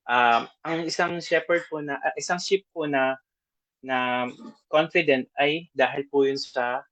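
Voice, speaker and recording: A man giving a short, informal sermon at a house church. He speaks politely, keeps asking his listeners to agree, switches between Tagalog and English, and reads scripture aloud slowly. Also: mid-range voice, a bit bright, no echo, low-quality recording. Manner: polite, peppered with "di ba po" asides. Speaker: preacher.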